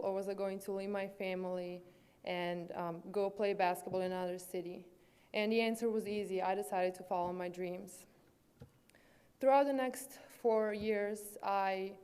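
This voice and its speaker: A woman in her twenties from Serbia, with a Serbian accent, giving an earnest prepared speech at a banquet as a student athlete, speaking with a swollen lip and pausing on fillers. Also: medium pitch, a little mellow, smooth. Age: 20s.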